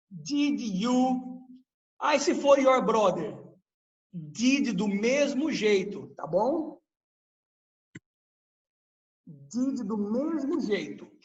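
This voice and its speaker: A male teacher leads a live online grammar lesson at his computer. He talks slowly and deliberately, pausing to quiz his students. His voice sits high for a man. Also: sing-song, muffled recording. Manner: explains patiently, quizzes the class with questions. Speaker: English teacher.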